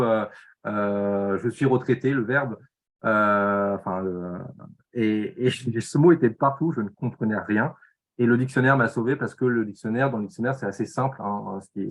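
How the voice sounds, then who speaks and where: A man speaking casually in a tutoring session, sharing his own exam experience in a candid, self-deprecating way, often halting and restarting. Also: mid-range voice. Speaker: former student sharing exam advice.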